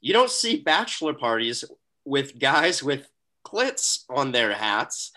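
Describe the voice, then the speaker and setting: A man co-hosting a podcast, chatting in a laid-back, hesitant way. His voice is bright and forward, at a middle pitch. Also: big pitch swings, slow pace. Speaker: podcast co-host. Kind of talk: casual chat.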